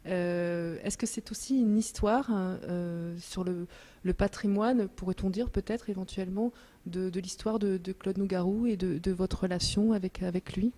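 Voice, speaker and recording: Hesitant woman interviewer, mellow voice. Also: mid-range voice, fairly even intonation, normal speed. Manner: hesitant, searching for words. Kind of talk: interview questions.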